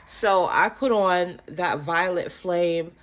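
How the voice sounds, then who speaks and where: A woman doing a spiritual card reading for her viewers, affirming and animated, often checking in with "okay?" and yawning now and then. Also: on the low side, slow pace. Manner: animated, affirming, frequent "okay?" tag questions. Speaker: tarot and oracle card reader.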